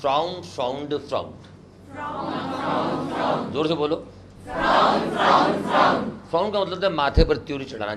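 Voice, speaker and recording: Man, English teacher, lively classroom lesson, quizzes students, audible room noise. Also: medium pitch. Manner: animated, asks the class questions and has them repeat words.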